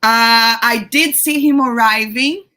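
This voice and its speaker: A young woman from Brazil talks casually as an interview guest. Her voice is bright and clear. She chats easily, laughs often and restarts her sentences. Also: fairly high pitch, slow. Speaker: guest, YouTube creator.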